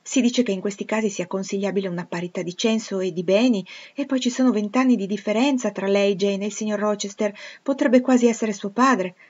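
A woman reading a cautious, worried elderly widow housekeeper, who gives earnest, measured warnings. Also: medium pitch, darkish tone, highs cut off, natural voice.

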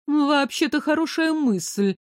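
A woman's voice: on the high side, no echo, clean studio sound, lightly acted. A woman doing a stern, scolding mother. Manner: brisk and scolding. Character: stern, exasperated middle-aged mother. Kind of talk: audiobook character voice.

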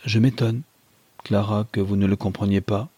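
A man's voice: on the low side, steady tone, normal speed, dark tone, breathy edge, no room sound. A man playing a haughty, stiff army captain. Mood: cold, superior. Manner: cold and condescending.

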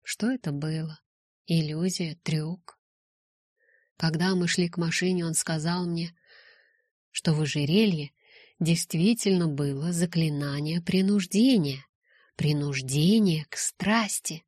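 Woman narrating an audiobook, low and dry. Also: dry recording. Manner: measured narration, urgent shouting in her own dialogue. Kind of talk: first-person audiobook narration.

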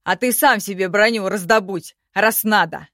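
A woman voicing an eager, boastful young male goblin who talks loudly and excitedly. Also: medium pitch, takes it slowly, no echo, clean studio sound.

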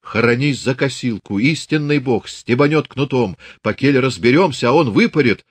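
A man's voice: mid-range voice, animated, normal speed, breathy edge, pitched above the performer's own voice. Man doing a teasing young Cossack. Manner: wry, teasing.

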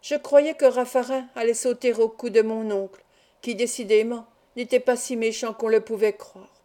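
Calm woman reading an audiobook. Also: on the high side, normal speed. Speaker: audiobook reader. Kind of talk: audiobook narration.

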